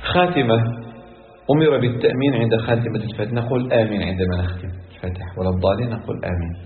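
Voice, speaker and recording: Brief: male scholar teaching a religious lesson, quick delivery, tinny phone-like sound. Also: mid-range voice, soft background music. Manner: explanatory, repeats key phrases. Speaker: Islamic scholar teaching Quran exegesis. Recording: echoey hall on a tinny lo-fi line.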